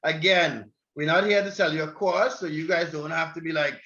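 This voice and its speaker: A man's voice: a little high, fairly even intonation, moderate pace, pushed and bright, muffled recording. A man hosting a casual online interview, talking in a chatty, rambling way. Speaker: interview host.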